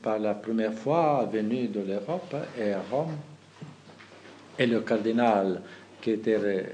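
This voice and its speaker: A bishop from Kazakhstan speaks to the faithful, slowly and haltingly, in a language that is not his first. He restarts his sentences often and fills the gaps with little hesitations. A faint hiss of noise sits under his voice. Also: fairly low pitch, mellow. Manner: halting, many restarts and fillers, laughs at own anecdotes. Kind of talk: talk to the faithful.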